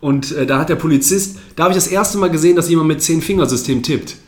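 A man's voice: a little high, fast. A man in his thirties telling childhood stories in casual, slangy chat, laughing often. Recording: roomy echo.

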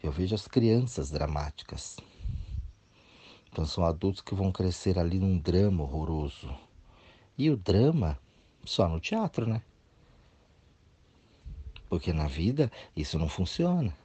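Blunt man, deep husky voice. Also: big pitch swings, unhurried, pauses often, dark tone. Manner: blunt, mimics whiny voices of others. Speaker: therapist. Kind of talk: motivational talk.

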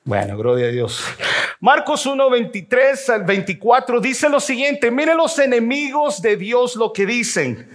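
Male pastor, sermon, very high voice, slow delivery, addresses congregation. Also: very animated. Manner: preaching slowly, addresses the congregation, reads scripture aloud.

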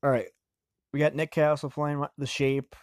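A man giving casual film commentary, rambling and halting, often restarting mid-sentence. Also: a little high, little pitch movement, dry recording, clean studio sound.

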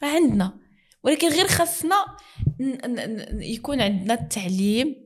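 A woman's voice: a little high, expressive, a little fast, husky. A woman with a Moroccan accent, a guest in a casual interview, speaking earnestly and mixing in French words.

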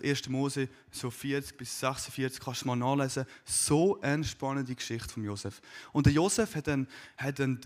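A man preaching a sermon, retelling a Bible story informally and building to a loud, fervent appeal. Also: mid-range voice. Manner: informal storytelling, addresses listener as dear friend, builds to loud fervent climax.

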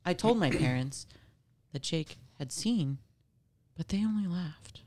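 A woman's voice: on the low side, lively intonation, a little slow, mellow. A woman casually reading a scary story aloud, with playful, informal asides. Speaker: story reader.

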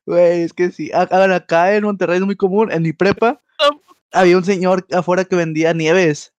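A man's voice: high voice, fairly even intonation, brisk, darkish tone, no echo, dull audio. A young man, joking in slangy casual podcast chat and sometimes stammering. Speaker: podcast co-host.

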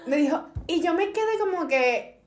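A woman's voice: very high-pitched, normal speed, reverberant, a little hiss or hum. A woman with a Puerto Rican accent, co-hosting a casual chat and telling stories with acted-out quotes. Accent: Puerto Rican Spanish. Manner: animated storyteller, acts out quotes. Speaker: podcast co-host.

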